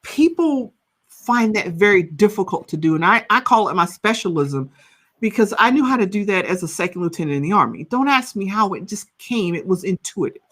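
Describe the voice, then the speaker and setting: A counselor in her fifties speaks on a video-call podcast in a bright, forward voice. She tells her story with animated energy and keeps checking in with "right?". Her pitch sits in an ordinary middle range for a woman. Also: a little fast. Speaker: guest, counselor and coach. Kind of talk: podcast interview.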